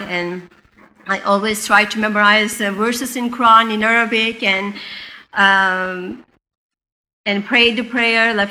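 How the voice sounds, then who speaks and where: A woman with a Turkish accent speaks in English, her second language, sharing her testimony before a chapel audience. She talks earnestly, stopping and restarting her sentences, in a bright, forward voice at a middle pitch. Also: rough recording. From Turkey. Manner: earnest, halting with frequent restarts. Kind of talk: personal faith testimony.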